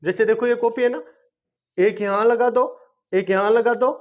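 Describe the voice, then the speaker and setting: Male teacher with a very high voice, self-answering questions, dull lo-fi recording. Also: steady tone, normal speed, a little mellow. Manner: asks questions and answers them himself; repetitive, coaxing teaching. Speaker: chemistry teacher. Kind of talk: classroom-style video lesson. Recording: dull lo-fi video lesson recording.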